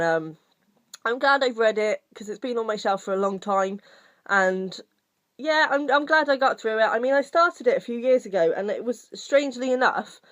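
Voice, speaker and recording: A woman talks through a book review in a loose, candid way, full of ums and restarts. Her voice sits at a middling pitch. The recording is dry, with no room sound. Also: no echo. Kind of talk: casual book review vlog.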